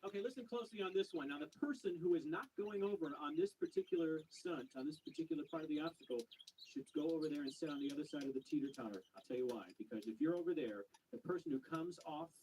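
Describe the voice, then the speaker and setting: A man's voice: on the high side, animated, fast, a little mellow. An American man hosting a children's game show, giving contestants direct, informal instructions and urging them on. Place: TV studio game show floor. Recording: noisy studio floor sound.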